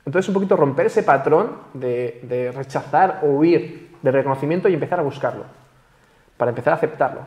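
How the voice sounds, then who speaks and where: A man speaking at a brisk, rushing clip, his voice sitting a little high for a man. He is a self-esteem coach on a panel talk show, and he explains eagerly, slipping into the voices of people in his examples. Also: lo-fi sound. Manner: animated, acts out quoted everyday dialogue.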